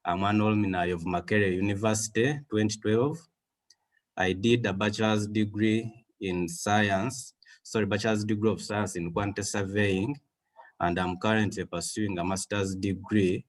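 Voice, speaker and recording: Presenting a webinar by video call, a guest speaker in his thirties from Western Uganda speaks with a lowish voice and a Ugandan English accent. His pace is measured, and fillers come up often.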